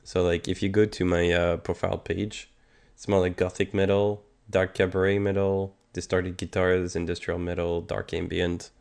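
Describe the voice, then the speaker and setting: A sick Canadian man in his thirties, stuffed-up and with a sore throat, chats and rambles on his music stream. His voice is low, flat, unhurried and creaky with a darkish tone, and he hesitates constantly, restarting and saying um.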